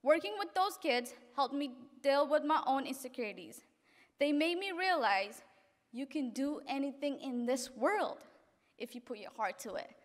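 A young woman from Africa reading a graduation speech at a podium in an event hall, earnest and halting at times. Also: high voice, expressive. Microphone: podium microphone. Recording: reverberant hall.

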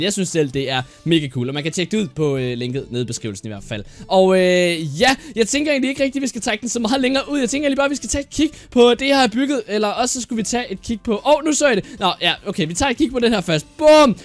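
A man giving casual gameplay commentary for his channel, chatty and excitable, often trailing off into fillers and restarts. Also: sits high. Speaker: YouTuber.

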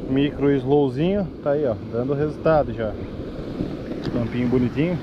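Man, angler on a boat, excited casual narration, loud wind and engine noise. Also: medium pitch, normal speed, dull audio. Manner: excited, calls out catches to viewers. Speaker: angler narrating his fishing. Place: small boat on open sea.

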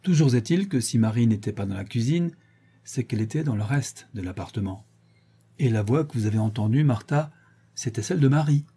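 A man reading an audiobook, voicing a stern, shrewd woman who questions her servants in a measured, deliberate way. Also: mid-range voice, expressive, warm tone, husky. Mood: cold.

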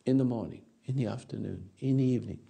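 On a dark stage or studio, a man in his eighties answers an audience with a rambling philosophical talk into a lapel mic, halting and repeating himself while gesturing with his hands. His mid-range voice is dark, with vocal fry and a breathy edge.

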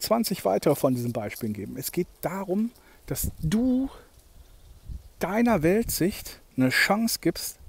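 A man hosting a motivational podcast monologue, talking emphatically, swinging between loud and soft and often checking in with "ja?". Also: a little high, husky. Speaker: podcast host, coach.

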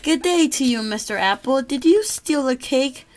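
A woman's voice: high voice, lively intonation, normal speed. A woman voicing a bossy, shifty male bear detective who blusters and accuses, reading a storybook to a toddler. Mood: suspicious.

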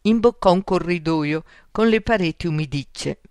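A woman's voice: fairly low pitch, moderate pace, darkish tone, no room sound. A woman narrating a children's fairy tale audiobook in a careful storytelling manner, recorded close in a studio.

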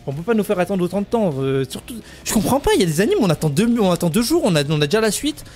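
A man's voice: high-pitched, very animated, very fast, darkish tone, faint music behind. A young man in his twenties, an anime YouTuber, delivering an exasperated, slang-heavy rant in a video review. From France. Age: 20s. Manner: indignant, exasperated ranting with heavy slang and swearing.

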